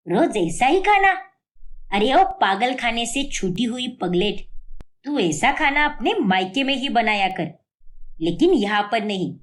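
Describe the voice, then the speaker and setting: A stern, shrill middle-aged mother-in-law in a cartoon story, voiced by a woman. She scolds constantly, her voice rising high and swooping widely.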